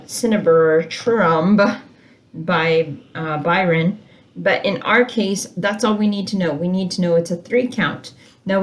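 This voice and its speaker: A woman's voice: lowish voice, vocal fry, a little hiss or hum. A middle-aged woman recording an online English lecture from her home office, explaining in a casual, chatty way with frequent "uh" and "um". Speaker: English teacher.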